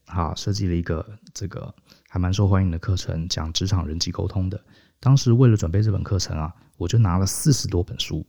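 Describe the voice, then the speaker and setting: Guy on a podcast, gravelly mellow voice, explains stuff patiently step by step. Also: sits low. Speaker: podcast co-host. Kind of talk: casual explanatory podcast talk. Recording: dull lo-fi podcast audio.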